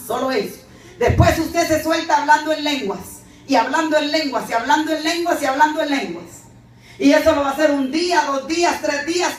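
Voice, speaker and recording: A woman preacher from Guatemala with a Guatemalan accent, giving a fervent, emphatic sermon straight to her congregation. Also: high-pitched. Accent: Guatemalan Spanish. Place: church. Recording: echoey church hall, mic far off, faint noise.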